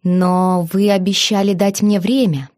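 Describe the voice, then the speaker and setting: A woman's voice: medium pitch, fairly even intonation, unhurried, a little mellow, lightly acted. A woman voicing a shy young bride who turns sharply indignant, with a raised, breathless voice. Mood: nervous. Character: shy, nervous young bride, feisty when cornered.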